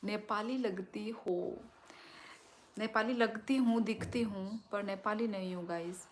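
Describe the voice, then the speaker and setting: Slow, strong-voiced woman chatting on a livestream. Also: medium pitch, a little hiss or hum. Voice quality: strong, loud voice. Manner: chatty, thanks viewers and asks for likes. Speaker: livestream host. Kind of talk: casual livestream chat reading viewer comments.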